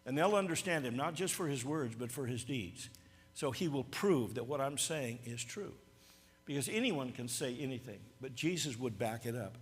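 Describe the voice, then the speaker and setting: A man's voice: medium pitch, expressive, normal speed, breathy edge, in a large hall. A man teaching a church Bible class, emphatic, pushing his voice up and down to stress his points.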